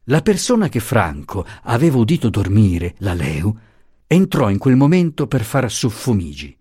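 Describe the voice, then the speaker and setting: A man narrating a literary novel in a slow, measured, expressive reading, recorded close. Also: on the low side, husky, dry recording. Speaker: audiobook narrator.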